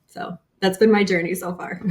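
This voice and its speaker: A woman in her thirties from Bosnia and Herzegovina speaks earnestly as a guest in a casual remote interview, leaning often on fillers. Her Bosnian-accented voice is medium-pitched with a darkish tone and a slightly slow pace.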